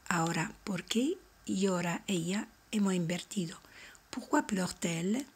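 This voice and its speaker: A woman gives a French lesson, speaking very slowly and carefully. Her voice is soft and breathy. She says each example phrase clearly, often twice, so learners can follow. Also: medium pitch. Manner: slow, carefully articulated model phrases, each repeated. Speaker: French teacher. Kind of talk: language lesson.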